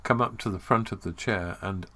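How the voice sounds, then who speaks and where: A man's voice: sits low, moderate pace, sharp tone. A man in casual chat, a rambling, self-mocking storyteller. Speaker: podcast host.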